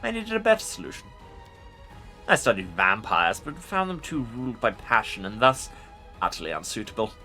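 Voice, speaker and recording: A man performs an ancient undead lich from a fantasy game, pompous and scornful. The delivery is forceful and swings widely in pitch as he issues haughty, formal pronouncements, with music underneath. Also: very animated, moderate pace, exaggerated voice. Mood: grandiose. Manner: pompous, imperious formal speech. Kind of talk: dramatic video game role-play reading.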